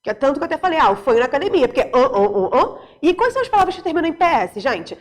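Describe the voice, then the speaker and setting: A woman teaching a recorded school Portuguese lesson with a Brazilian accent, explaining in a lively way and asking rhetorical questions. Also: sits high, rapid-fire.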